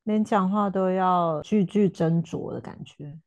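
A woman's voice: lowish voice, unhurried, a little mellow, highs cut off. A woman in a casual chat, reacting and asking short follow-up questions.

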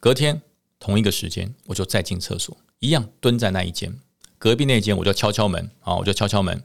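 A man telling a story on a podcast, a former army officer, lively with many drawn-out fillers. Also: fairly low pitch, creaky.

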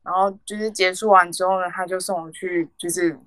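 A woman's voice: lowish voice, steady tone, fairly quick, fairly bright tone, no echo. A young woman, rambling through a casual story on a podcast with many fillers and restarts. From Taiwan. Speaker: podcast co-host.

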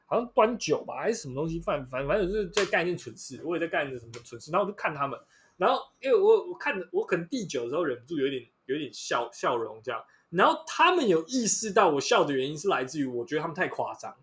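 A man's voice: a little high, big pitch swings, quick pace, fairly bright tone, slightly rough. A young man with a Taiwanese Mandarin accent hosting a casual solo podcast, blunt and rambling, swearing freely with lots of fillers. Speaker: podcast host.

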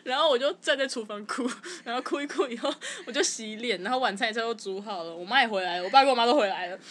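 A young woman with a Taiwanese Mandarin accent, telling her story as a podcast guest in casual chat, animated and often stumbling over repeated words. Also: fairly high pitch, rapid-fire, slight background noise. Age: young adult.

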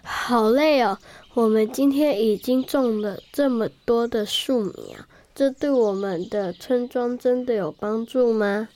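A woman voices a tired village farmer in a children's audio story, weary and doubting. The tone is mellow and a little high. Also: a little slow, natural voice. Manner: weary, complaining.

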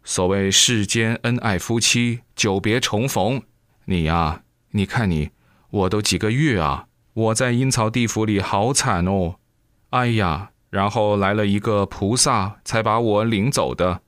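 A man's voice: on the low side, unhurried, a bit bright, no echo, clean studio sound. A man voicing a young woman back from the dead, wailing and indignant.

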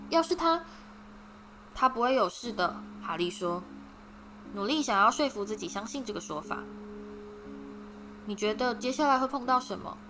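A woman reading a storybook aloud in a steady, dramatic narrating style. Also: medium pitch. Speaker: audiobook reader. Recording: background music.

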